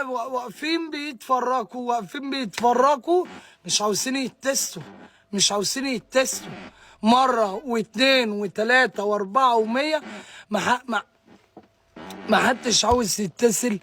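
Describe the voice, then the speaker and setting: A man's voice: extremely high pitch, moderate pace, bright, forceful tone. A distraught young man with an Egyptian accent, ranting live to viewers, stammering and repeating himself as he answers their comments. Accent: Egyptian Arabic. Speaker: livestreamer.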